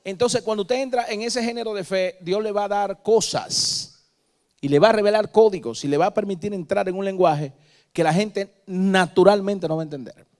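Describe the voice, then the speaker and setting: Male preacher, sermon, higher voice, emphatic storytelling, loud and soft swings. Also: normal speed.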